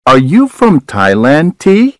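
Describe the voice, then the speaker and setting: A woman on an English course listening recording, greeting children and asking questions with slow, exaggerated intonation. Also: sits low, huge pitch swings, dry recording, studio quality, exaggerated voice. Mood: friendly.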